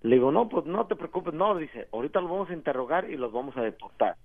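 A man's voice: a little high, fast. Mexican man telling a story over the phone. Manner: rambling, animated storyteller, slangy. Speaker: caller. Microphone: telephone. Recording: tinny phone line.

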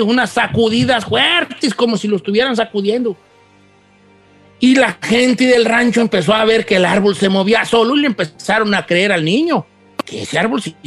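High-voiced man telling a folk tale. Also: fairly bright tone. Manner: conversational, with asides to the listener. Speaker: storyteller.

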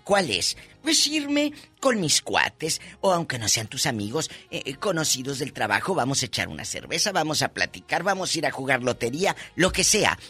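A man hosting a radio talk show, his pitch swinging widely as he gives emphatic advice. His voice is bright and a little husky, with soft music underneath. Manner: animated, preachy advice to listeners. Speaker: radio co-host.

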